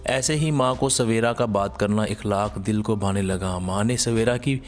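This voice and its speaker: A man's voice: lowish voice, steady tone, normal speed. Man narrating a sad story.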